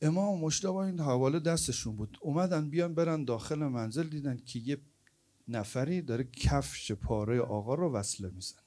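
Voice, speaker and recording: A man preaching a storytelling sermon at an evening gathering, swinging between loud stressed words and hushed asides. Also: mid-range voice, animated.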